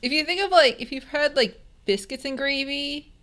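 A woman's voice: high-pitched, normal speed, a bit bright. A woman co-hosting a podcast in informal, conversational chat with loosely built, hesitant phrasing. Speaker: podcast co-host. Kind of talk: casual chat.

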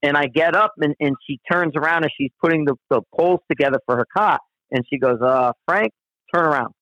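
A man with a slightly raised pitch tells a rambling, profane anecdote in loose conversational style, often restarting his sentences. The recording is dull and dry, with no room sound. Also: fast talker, a bit bright, no echo. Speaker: guest storyteller. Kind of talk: casual spoken anecdote.

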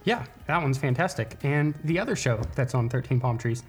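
A man's voice: medium pitch, animated, fairly quick, slightly rough, faint music behind. A man breaking into the show as a hijacked broadcast, boasting dryly in a mock commercial. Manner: dry, boastful mock-ad delivery. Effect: hijacked broadcast, a mock interruption of the show. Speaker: co-presenter of a mock ad, league champion.

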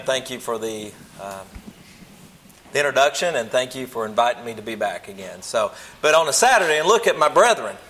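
A man's voice: medium pitch, a bit bright. A man preaching a Bible lesson to a church group in a folksy, plain-spoken, humble way, often rephrasing as he goes. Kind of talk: sermon, teaching a church group.

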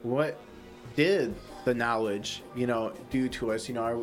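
A man's voice: medium pitch, unhurried, soft background music. A man hosting a spiritual discussion, explaining ideas earnestly and leaning on "you know".

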